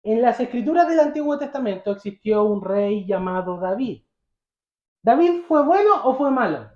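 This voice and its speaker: A man's voice: extremely high pitch, expressive, normal speed, darkish tone, roomy sound, dull audio. A male pastor preaching a sermon, telling the story vividly and asking the congregation questions.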